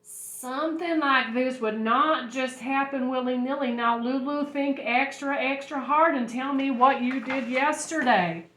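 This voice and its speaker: A woman voicing a bossy, brisk school nurse in a children's story, firm and emphatic. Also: sits high, a bit bright, echoey room, rough recording. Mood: probing.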